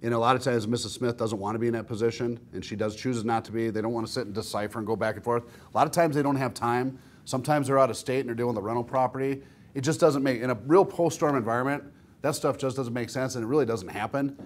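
A man hosting a live panel debate in a large room, pressing his points and cutting in often. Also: medium pitch. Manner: fast, pressing, interrupts. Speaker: event host.

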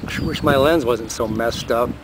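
A man's voice: mid-range voice, normal speed. A man filming the sky outdoors, giving a casual, amused running commentary into his handheld camera's microphone. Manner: amused, chatty, pointing things out. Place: outdoors, by the road and in a car. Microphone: handheld camera mic. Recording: noisy outdoor camera audio. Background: traffic and outdoor noise.

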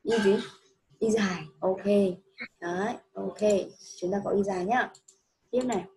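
A woman's voice: mid-range voice, steady tone, a little slow, noisy background. A woman teaching a child English, patient and coaxing, repeating each answer back. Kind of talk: one-on-one children's English lesson.

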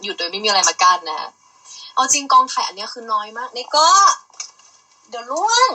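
Breathy, bright young woman livestreaming. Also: medium pitch, fast talker, low-quality recording. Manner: chatty, rambling, giggly. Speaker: idol livestreamer. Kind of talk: casual livestream chat.

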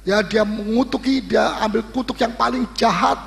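A male pastor preaching a sermon in a lively, teasing way, often putting questions to the congregation. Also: very high voice, moderate pace, gravelly. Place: church hall. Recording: echoey hall recording.

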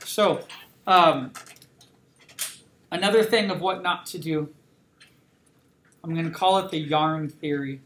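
Teaching a drawing class, this man speaks slowly with long pauses in a fairly bright, somewhat high voice. He keeps things conversational, drawing as he talks and often asking students "okay?" in a roomy room with faint background noise.

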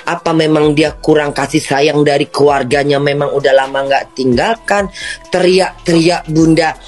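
A woman hosting a livestream who talks loudly and indignantly, rambling with many restarts. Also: low-pitched, fairly even intonation, moderate pace, soft background music. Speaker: livestream host. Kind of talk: livestream rant.

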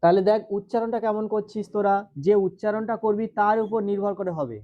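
A man's voice: high-pitched, fairly even intonation, fast talker, lo-fi sound. A male teacher giving a classroom grammar lesson with a West Bengal Bengali accent, quizzing students and stretching out syllables as he goes. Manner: drills students, asks questions, stretches syllables.

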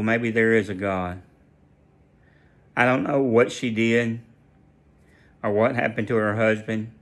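A man's voice: medium pitch, a bit bright. A man sharing a personal faith testimony in a casual storytelling way, earnest and prone to repeating and restarting his phrases.

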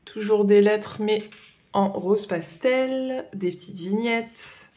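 Vlogger, young adult woman, Northern French Ch'ti accent, unhurried, halting casual chat. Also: mid-range voice, mellow. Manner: hesitant, many fillers and "voilà". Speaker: coloring vlogger.

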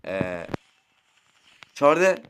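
A teenage boy streams a mobile game, telling rambling, crude school stories in a low-pitched voice that is very animated yet extremely slow. He swears often and keeps asking listeners "right?", against background noise.

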